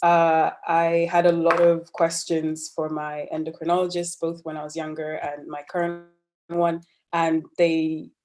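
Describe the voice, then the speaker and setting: A woman's voice: low-pitched, little pitch movement, measured pace, noisy background. A woman in her twenties, from Uganda and raised in Belgium, speaking hesitantly with many fillers as a panelist on a video call. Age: 20s. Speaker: panelist, master's student. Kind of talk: online panel talk.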